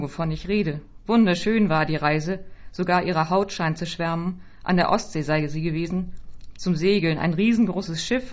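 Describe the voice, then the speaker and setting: A woman giving a quiet, measured first-person literary reading, her voice often dropping softly, in a slightly dull recording. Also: on the low side. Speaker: reader.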